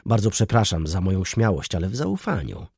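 Guy doing a scatterbrained baron, fussy and fawning, kinda husky. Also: deep voice, very animated, a little fast, darkish tone, dry recording, clean studio sound, full character voice. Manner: fawning, rambling, eager. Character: fussy absent-minded aristocratic baron.

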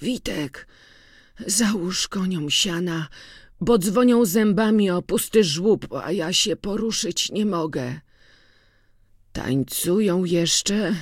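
A narrator voicing an old, sick farmhand who speaks feebly and slowly, with weary sighs, in an audiobook. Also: medium pitch, lively intonation, husky, dry recording, clean studio sound, voice pushed up, exaggerated voice. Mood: feverish. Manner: slow, sighing, feeble speech. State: feverish and weak. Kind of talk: audiobook reading.

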